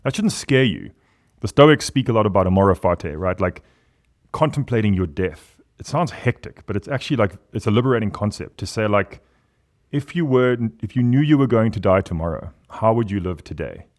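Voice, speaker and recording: A man, a podcast guest talking in an animated, emphatic way with big swings in pitch. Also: fairly quick. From South Africa. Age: 40s. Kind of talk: casual podcast conversation.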